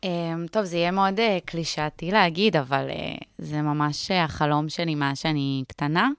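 Smooth-voiced young woman guest. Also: sits low, steady tone, no echo, studio quality. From Israel. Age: 20s. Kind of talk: casual interview chat. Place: radio studio.

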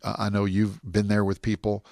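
A man being interviewed, telling stories in an animated, rambling way. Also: fairly low pitch, fairly quick, dry recording, clean studio sound. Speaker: guest. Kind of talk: casual interview talk.

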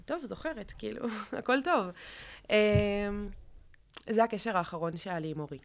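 A young woman telling a guest's personal story in an interview, halting, with many fillers and restarts. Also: mid-range voice. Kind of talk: emotional personal account in an interview.

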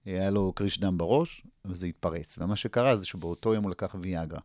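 A middle-aged man, a comedian, telling stories in casual chat and acting out quotes with big jumps in his voice. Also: no room sound. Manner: animated, acts out quotes with big pitch jumps. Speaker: guest comedian. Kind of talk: casual storytelling.

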